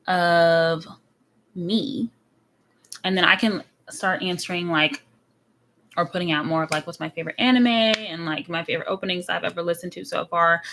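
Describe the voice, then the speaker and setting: Streamer type, woman late 20s from Texas, lower-pitched, bubbly chat-to-camera delivery, faint hiss underneath. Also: a bit bright. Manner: chatty, bubbly, many repeats of so and like. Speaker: anime reaction streamer. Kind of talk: casual livestream chat. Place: at home in front of a camera.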